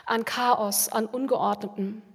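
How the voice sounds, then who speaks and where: A woman speaking as a pastor in a calm, reflective way, repeating phrases for emphasis. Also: a little high, slow pace, vocal fry, slightly rough. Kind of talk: spiritual reflection on prayer. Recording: long hall reverb.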